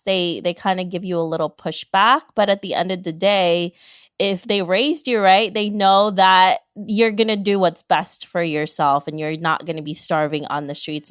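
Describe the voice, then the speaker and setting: A woman from the Philippines hosting a podcast interview, upbeat and quick to laugh as she asks her questions. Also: on the low side, fairly bright tone, dry recording, clean studio sound. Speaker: podcast host. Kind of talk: casual interview chat.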